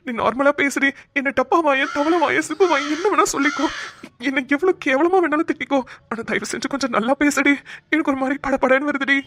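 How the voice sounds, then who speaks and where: A woman's voice: high voice, a bit bright, dry recording. A woman voicing a sleepy, easily scared young husband in a cartoon, whiny and stammering when frightened. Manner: whiny, teasing banter. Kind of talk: cartoon voice acting.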